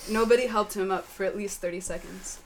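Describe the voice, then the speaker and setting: A woman narrates a silly fantasy story in a flat, matter-of-fact tone and lets the absurd lines land without any emphasis. Her pitch is mid-range, and a faint hiss sits under the voice. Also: a little fast. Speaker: story reader. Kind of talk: deadpan comic narration.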